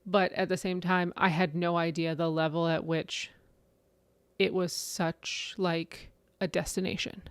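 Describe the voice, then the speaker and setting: Woman in her late thirties, low-ish voice, chatty book podcast co-host, dry close sound. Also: measured pace, smooth, no echo. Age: 30s. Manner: chatty, animated, lots of "like" and "right?". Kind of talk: casual book chat.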